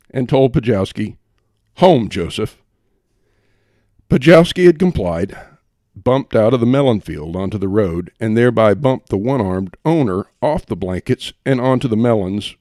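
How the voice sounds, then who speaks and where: A man's voice: lowish voice, mellow, no echo, studio quality. A man reading a humorous first-person story aloud, with a wry, theatrical delivery. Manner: wry, theatrical delivery with playful voices for quotes. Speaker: audiobook narrator.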